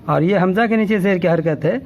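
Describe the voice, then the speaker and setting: A man with a high, slightly mellow voice teaches the Urdu alphabet step by step. He patiently repeats each vowel sound and keeps checking in with the learner by asking "okay?"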